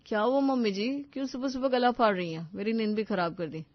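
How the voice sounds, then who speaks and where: A woman doing a spoiled young bride from a storybook, lazy and rude, brushing everything off with a bratty whine. The voice is fairly high. The sound is dull lo-fi and dry. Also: a little fast, no room sound, lightly acted. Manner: bratty, dismissive whining.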